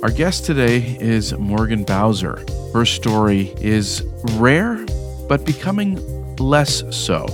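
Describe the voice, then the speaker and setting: A man hosting a podcast, reading a scripted introduction and then asking questions in an earnest, measured way with small restarts. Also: on the low side, big pitch swings, over music. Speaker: podcast host.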